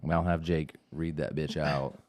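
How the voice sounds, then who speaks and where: A man with a very deep, low voice chats loosely on a live podcast. He reads ornate text in a mock-solemn tone, laughing and stumbling over the big words. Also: fairly even intonation, normal speed, darkish tone. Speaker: podcast co-host. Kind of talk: casual live podcast chat, mock-solemn reading aloud.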